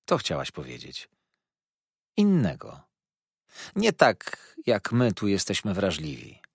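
A man reading an audiobook voices a confident young gentleman with a cool, dismissive manner. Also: sits low, huge pitch swings, takes it slowly, creaky, a little hiss or hum, full character voice.

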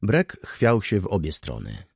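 A man narrating an audiobook chapter with an expressive, measured reading. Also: low-pitched, breathy edge, no echo, studio quality. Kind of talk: scripted narration.

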